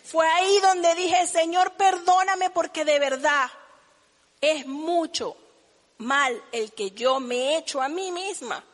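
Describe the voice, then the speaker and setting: A woman preaching a sermon, earnest and testifying, swinging between loud passages and hushed ones. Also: high-pitched, expressive, takes it slowly. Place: church hall. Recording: echoey church hall.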